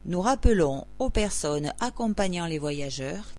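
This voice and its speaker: A woman announcer reading scripted public announcements, like those at an airport or station, in a formal, measured way. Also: lowish voice, animated, darkish tone.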